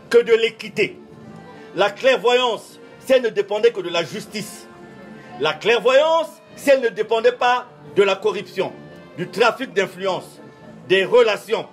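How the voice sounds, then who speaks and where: A church official who is not a native French speaker gives a formal interview statement in a high-sitting voice. He speaks in a measured, oratorical manner, returning to key phrases for emphasis.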